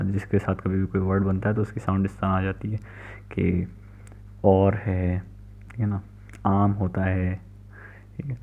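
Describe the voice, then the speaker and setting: A man giving a recorded language lecture, explaining patiently and checking in often. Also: lowish voice. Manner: explains patiently, repeats "theek hai" often. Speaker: language teacher. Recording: tinny phone-like recording.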